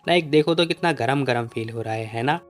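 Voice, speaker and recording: A man's voice: medium pitch, brisk, pitched below the performer's own voice, close to an everyday voice. A man voicing a playful, scheming young woman who teases with coaxing questions in a storybook recap. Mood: teasing.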